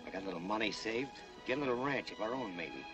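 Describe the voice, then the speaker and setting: A man acting as a middle-aged cowboy with a low voice and an American Western drawl. He is shy, earnest and plain-spoken in an old Western film. Music plays under the dialogue. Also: animated, muffled recording, close to an everyday voice. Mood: earnest, pleading. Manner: folksy, plain-spoken, halting.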